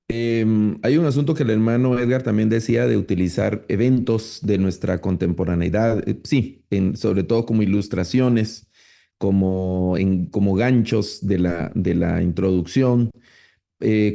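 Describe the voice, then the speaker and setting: A middle-aged man, giving a relaxed, conversational online lecture on preaching with frequent rhetorical tags. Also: on the low side, gravelly. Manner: relaxed, explanatory, with many fillers and rhetorical tags. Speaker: preaching course instructor.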